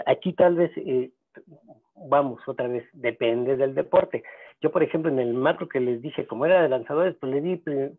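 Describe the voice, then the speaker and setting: A man teaching a seminar, talking in a halting way with many fillers and restarts. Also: medium pitch. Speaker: seminar instructor. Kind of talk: lecturing at a seminar. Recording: gravelly voice on a tinny phone-like line.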